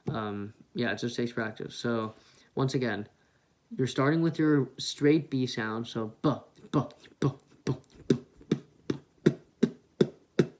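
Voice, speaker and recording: A man on a headset mic giving a casual beatboxing tutorial, explaining step by step and demonstrating the sounds. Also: medium pitch. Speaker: beatbox teacher.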